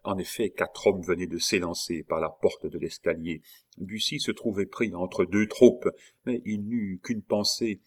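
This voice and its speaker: A man reading a classic novel aloud as an audiobook narrator, steady and measured. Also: low-pitched.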